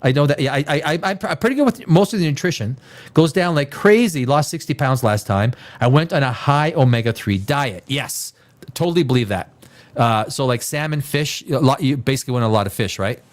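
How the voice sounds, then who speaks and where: Slightly congested from a cold, this livestream host keeps up friendly, casual chat with his viewers, a little fast. He rambles, repeating and restarting sentences, his pitch rising and falling lively.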